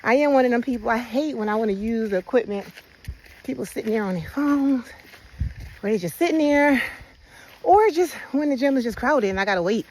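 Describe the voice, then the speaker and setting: A woman's voice: a little high, lively intonation, a little fast, a little mellow, rough recording. A woman casually vlogging as she walks a path outdoors by the water, chatting straight to her viewers. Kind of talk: casual walking vlog.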